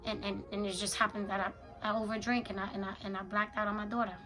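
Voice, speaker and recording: A woman's voice: mid-range voice, flat delivery, fast talker, pushed and bright, faint music behind. A woman talking candidly in a confessional vlog, with a raw, unfiltered, sweary and slangy way of speaking. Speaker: vlogger, spiritual journaler.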